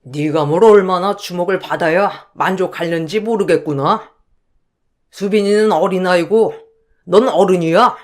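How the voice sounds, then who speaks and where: A man's voice: high voice, a little slow. An actor playing a stern elderly father-in-law in a radio drama, roaring and scolding. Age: older.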